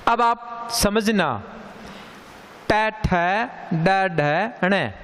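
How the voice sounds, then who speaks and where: A man with a fairly high, clear voice teaches a grammar lesson at an unhurried pace. He repeats sounds deliberately for his students. A long reverb hangs behind him. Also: a bit bright.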